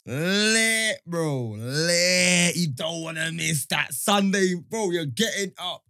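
A man's voice: high voice, lively intonation, slow pace, vocal fry, bright, forceful tone, no echo, studio quality. A man with a London roadman accent telling stories in casual podcast banter, heavy on street slang and tag questions. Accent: London, urban roadman street slang. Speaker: podcast host. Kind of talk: casual chat, storytelling banter.

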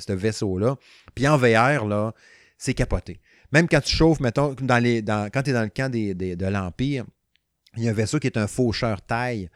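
A young man with a Quebec French accent talking casually about a video game he reviews, excitable and rambling, full of slang and restarts. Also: mid-range voice, no room sound, clean studio sound. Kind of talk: casual gaming chat.

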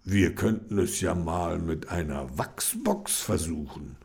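A man voicing a grumpy, easily annoyed young boy in a storybook, with a gruff grumbling manner. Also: deep voice, animated, slow, darkish tone, pitched below the performer's own voice, heavily acted. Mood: thoughtful.

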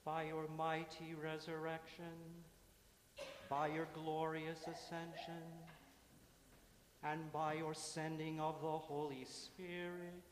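Man chanting a slow, monotone litany. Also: a little high, background noise. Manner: slow, measured, monotone intoning. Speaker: worship leader. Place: large church. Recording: echoey hall, mic from afar.

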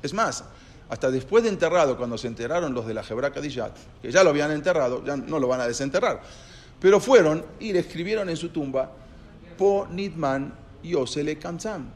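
A man telling a story in a lively, dramatic narrating style. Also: fairly high pitch, fast. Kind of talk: oral storytelling.

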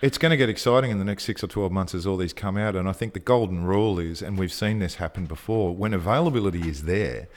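Enthusiastic deep-voiced man. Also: fast talker, few pauses. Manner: enthusiastic, gushing, breathless at times. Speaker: co-host. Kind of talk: casual podcast chat.

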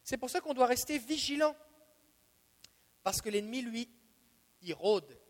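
High-voiced Québécois preacher in a reverberant hall. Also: male voice, lively intonation, a little slow. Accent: Quebec French. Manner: emphatic, repeats key phrases, swings between soft and loud. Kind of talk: Bible teaching sermon.

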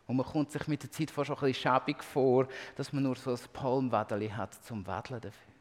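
A man preaches a heartfelt sermon, his voice swelling loud and then falling to a hush. His voice is mid-pitched. A long reverb hangs behind every phrase, as in a large church hall. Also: fairly even intonation, a little fast. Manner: impassioned, swelling to loud emphasis then dropping to near-whispers.

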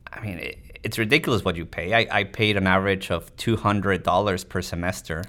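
This physician from Tijuana, Mexico, answers interview questions in an explanatory way, frequently adding "you know" to his points. He has a low, steady voice with a sharp tone and speaks fairly quickly.

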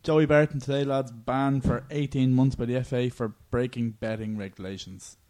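A man's voice: mid-range voice, steady tone, normal speed, a little mellow. An Irish man hosting a podcast, chatting about sport in an informal, bantering way. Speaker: podcast host. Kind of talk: casual sports chat.

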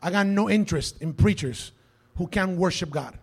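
A man's voice: sits high, measured pace, creaky, a little mellow, slightly rough. A male pastor preaching a sermon to a congregation in a church, emphatic and dropping into English phrases.

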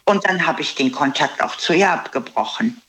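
A woman's voice: low voice, normal speed. A woman telling a personal story in casual conversation, indignant and acting out the dialogue. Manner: lively storyteller, acts out the dialogue. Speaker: interviewee.

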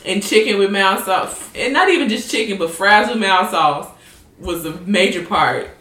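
A woman hosting a podcast from home, talking loud, blunt and full of slang. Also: medium pitch, lively intonation, moderate pace. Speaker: podcast host. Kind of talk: casual chat. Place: home room. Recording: echoey room.

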